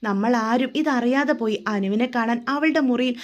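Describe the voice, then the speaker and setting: A woman's voice: fairly high pitch, normal speed, highs cut off, natural voice. A woman voicing a grieving middle-aged mother who pours out her family's loss. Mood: earnest. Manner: sobbing, broken lament.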